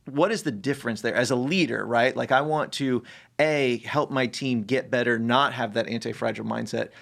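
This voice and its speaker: A man's voice: medium pitch, normal speed, gravelly, a bit bright. A man hosting a podcast interview, thoughtful as he builds up a question. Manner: thoughtful, frames questions with brief affirmations. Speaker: podcast host.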